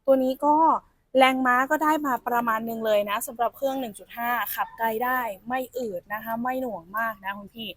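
A young woman walks viewers around a used car with chatty, familiar sales talk. Her voice sits a little high. She sounds as if she is outdoors on a car lot. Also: fairly even intonation, a little fast, dry recording. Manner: chatty, addresses viewers as elder sibling. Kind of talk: sales walkaround presentation.

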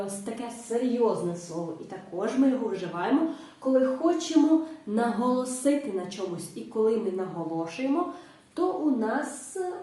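A woman teaches an English grammar lesson with a fairly high, mellow voice. She slows down to spell out example phrases clearly. The recording is roomy and echoey, with her voice sitting well back from the mic. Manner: slow, careful enunciation of English example phrases. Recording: echoey room, voice from a distance.

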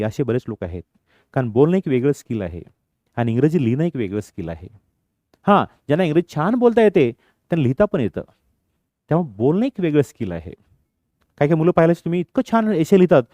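Man, English lesson, lively pitch, mellow dry voice. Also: no room sound. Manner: lively, mixes English phrases into Marathi. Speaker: English teacher.

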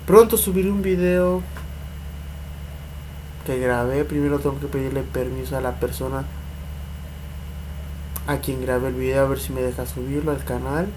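A man's voice: medium pitch, fairly even intonation, normal speed, long pauses, noisy background. A young man with a Mexican accent tells a paranormal story from home at night in a casual vlog. He rambles and repeats words. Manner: rambling, repeats words, mimics knocking sounds. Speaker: paranormal vlogger. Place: home at night, neighbours' party noise outside.

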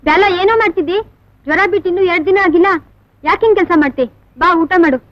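A woman playing a quick, firm village wife. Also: a little high, no echo, close to an everyday voice. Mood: scolding. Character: caring rural woman, firm with husband, adult. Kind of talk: 1970s Indian film dialogue. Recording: tinny old film soundtrack with faint music.

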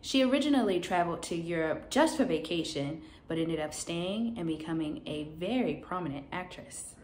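A young woman host narrating a script in an admiring, deliberate way, facing the camera indoors. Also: on the low side, expressive, a crowd in the background. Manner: warm, admiring, deliberate delivery. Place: indoors in front of a green backdrop. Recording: echoey room with faint noise.

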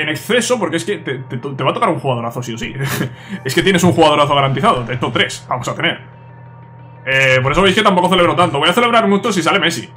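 A young man, excitably commentating his own gameplay and talking to viewers. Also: on the high side. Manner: excitable, talks to viewers, frequent "tío". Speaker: gaming youtuber.

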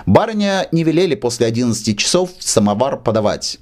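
A man voicing a stubborn male hotel servant who grumbles in a gruff, low-set way. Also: very animated, fairly quick, a little mellow, close to an everyday voice. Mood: grumbling.

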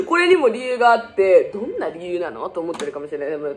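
A young woman with a chats quickly through a shopping haul and jumps between playful tangents and jokes at her own expense. Her pitch swings up and down a lot as she talks. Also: expressive. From Fukuoka, Japan. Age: 20s. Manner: joking, self-mocking, playful tangents. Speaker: beauty vlogger. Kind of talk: casual shopping haul vlog.

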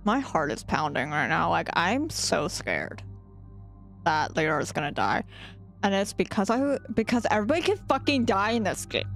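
A woman's voice: medium pitch, animated, a little fast, faint music behind. A young woman streamer giving casual, anxious reaction commentary on a game she is playing for the first time, often repeating herself and giggling. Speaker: gaming streamer.

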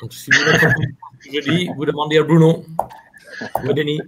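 A man's voice: on the high side, little pitch movement, normal speed, noisy background. A man with a southwestern French accent, a farrier, introducing himself in a light, joking way. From southwest France.

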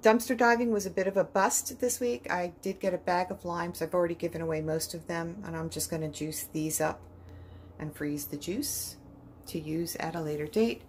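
A woman with a fairly low voice narrates her budget grocery video, reading off each item and what it cost in a calm, steady list. It is a home-recorded voice-over with a faint hiss of room ambience behind it. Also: normal speed.

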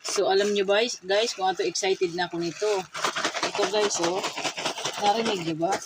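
A woman's voice: mid-range voice, fairly even intonation, moderate pace, heavy background noise. A Filipino woman chatting casually as a vlogger, speaking with missing front teeth. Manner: talks while chewing and tasting. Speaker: vlogger hosting a mukbang. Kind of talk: casual vlog chat.

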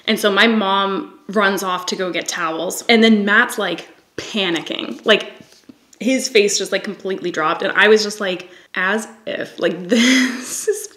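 A woman's voice: mid-range voice, a little slow, a bit bright. A woman vlogger telling a personal story in a casual way. She swears freely and laughs often. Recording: echoey room.

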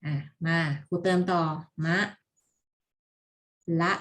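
A woman's voice: drawn-out words, fairly bright tone. A woman teaching a primary school class in a casual recorded lesson from home, talking informally with self-correcting asides. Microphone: computer recording with screen and mouse.

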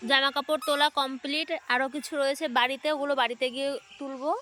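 A woman's voice: high voice, little pitch movement, fast talker, sharp tone, a little hiss or hum. A woman with a Bengali accent chatting casually to viewers in a daily vlog, talking to her small child as she goes. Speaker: vlogger.

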